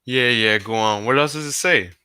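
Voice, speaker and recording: A man's voice: medium pitch, normal speed, bright, forceful tone, clear, resonant tone. A man acting a grand, formal, emphatic king in a radio drama. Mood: impatient. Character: grand, grateful, impatient King of Bohemia. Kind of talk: adaptation of a 1940s radio drama.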